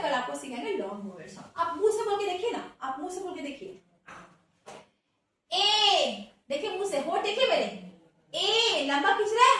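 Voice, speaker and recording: A woman teaching an English lesson, slowly spelling out words and asking her students questions. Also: extremely high pitch, pushed and bright. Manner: repeats words slowly, quizzes listeners with questions. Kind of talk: classroom-style grammar lesson. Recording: echoey room, voice from a distance.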